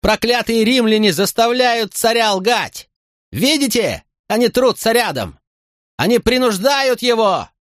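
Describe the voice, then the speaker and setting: A man voicing a desperate, furious young prince who shouts in a raised, strained voice. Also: very high voice, animated, unhurried, no echo, studio quality, voice pushed up, exaggerated voice.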